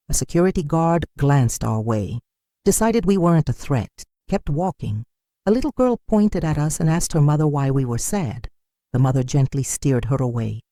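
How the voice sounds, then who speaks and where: A woman reading a scripted first-person story in an even, measured way. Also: low-pitched, dry recording, studio quality.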